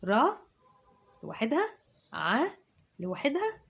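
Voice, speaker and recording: An Egyptian woman teaching children to spell, with a slightly husky voice. She speaks slowly, drawing syllables out long, and her pitch rises and falls a lot as she models the sounds. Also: huge pitch swings. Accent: Egyptian Arabic. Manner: slow, stretched dictation of syllables. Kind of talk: dictation lesson for children.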